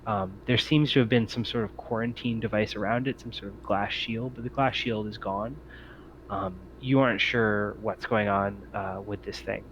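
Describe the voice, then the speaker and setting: A man game-mastering a tabletop RPG narrates in a fairly low, slightly bright voice, keeping a steady tone and moderate pace. He works through his phrases haltingly with plenty of ums. Background noise accompanies the muffled, lo-fi audio.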